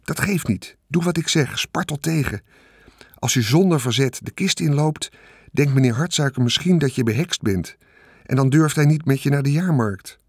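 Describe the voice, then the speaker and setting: Guy doing a bossy old sheep lady, higher voice, dry close mic. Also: animated, normal speed, darkish tone, husky, no room sound. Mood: urging. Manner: urgent, commanding whisper-advice.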